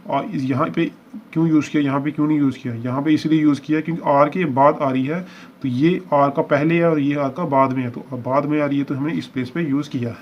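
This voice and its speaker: A man's voice: on the high side, fairly even intonation, fast talker. Man teaching, dull lo-fi recording. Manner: explains step by step, repeating examples. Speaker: shorthand teacher. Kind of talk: lesson walkthrough. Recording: dull lo-fi recording with faint hiss.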